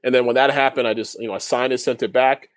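Fast-talking man telling stories. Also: medium pitch, fairly even intonation, no echo. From Canada. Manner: rapid, rambling storyteller with frequent restarts. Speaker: guest, former overseas basketball player. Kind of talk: casual interview storytelling.

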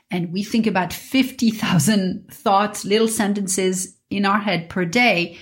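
A woman podcast host teaching in an earnest, instructive spiritual guru manner, in a motivational monologue. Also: mid-range voice.

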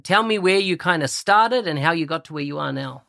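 A man's voice: fairly high pitch, animated, brisk, gravelly, bright, forceful tone. Upbeat man hosting a podcast. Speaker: podcast host. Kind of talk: podcast interview.

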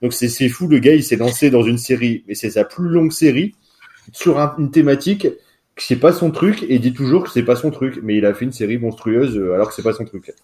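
A man's voice: mid-range voice, fairly quick, warm tone. A man co-hosting a casual chat, enthusiastic, often restarting his sentences. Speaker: podcast co-host. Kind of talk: casual chat about manga.

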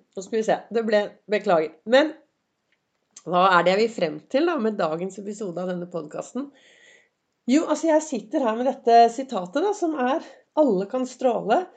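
A woman hosting a podcast in a chatty, encouraging motivational monologue, her voice slightly hoarse and her throat often cleared, with many fillers. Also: mid-range voice, lively intonation, a little mellow. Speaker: podcast host. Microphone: semi-pro recording setup.

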